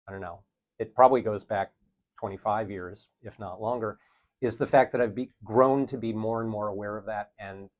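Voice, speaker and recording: A man's voice: lowish voice, darkish tone, dull audio. A middle-aged man from New City, a teacher talking earnestly and thoughtfully as an interview guest. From New York City. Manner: thoughtful, earnest, self-correcting. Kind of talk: relaxed reflective conversation.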